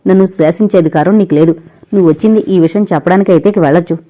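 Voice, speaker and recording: A woman's voice: fairly low pitch, racing, dark tone, natural voice. A woman voicing a heartbroken young man who drinks himself to ruin, speaking in pained, bitter lines that push his lost love away. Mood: anguished.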